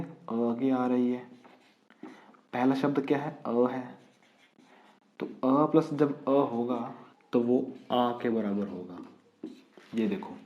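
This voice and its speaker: A male teacher giving an online exam-prep lesson, explaining step by step and asking and answering his own questions. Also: mid-range voice. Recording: dull, roomy lo-fi recording.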